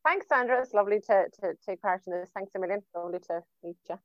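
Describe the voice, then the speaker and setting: A woman's voice: mid-range voice, quick pace, no room sound, dull audio. A middle-aged woman with a West of Ireland accent chatting casually over a remote call, rambling a little and repeating words as she goes. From County Galway, Ireland. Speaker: guest singer on a podcast. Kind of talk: casual chat. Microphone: remote phone or computer call.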